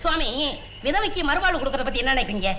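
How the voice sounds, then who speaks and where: A man's voice: very high voice, sing-song, quick pace, sharp tone, lo-fi sound, slight background noise, exaggerated voice. An actor playing a meek village man who hesitantly asks a swami for a favor. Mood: deferential.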